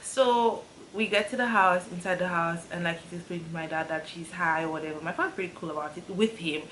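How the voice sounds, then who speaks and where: A young woman in her twenties telling a lively storytime to her vlog viewers, laughing often as she talks. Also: lowish voice, quick pace, a little hiss or hum, rough recording. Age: young adult. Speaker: YouTuber.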